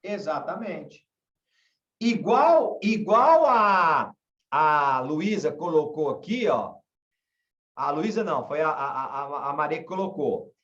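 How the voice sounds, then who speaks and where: A man from Brazil teaches a class at a slow pace, his pitch rising and falling a lot. He keeps asking students questions and repeats his example sentences. The sound is dull and echoey, picked up from a distance. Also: animated, a bit bright. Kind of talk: online class lesson. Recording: dull, echoey room from afar.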